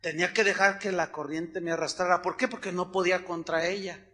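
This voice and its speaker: A middle-aged Mexican pastor delivers a sermon in a relaxed, storytelling way. His voice sits high for a man and rings very bright. He acts out the people in his anecdotes, switching voices as he quotes them. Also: fairly quick. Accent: Mexican Spanish.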